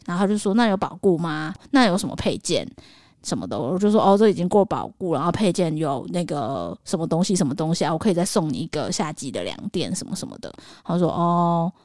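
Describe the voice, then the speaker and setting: A woman's voice: on the low side, a little mellow, no room sound, clean studio sound. A woman co-hosting a podcast, telling a story and acting out both sides of the conversation. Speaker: podcast co-host. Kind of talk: casual storytelling chat.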